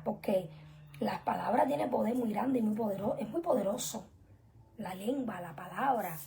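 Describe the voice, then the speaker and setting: Gravelly young woman teaching. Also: a little high. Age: young adult. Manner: earnest, emphatic teaching, often sinking to soft whispered asides. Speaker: spiritual teacher. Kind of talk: online religious class.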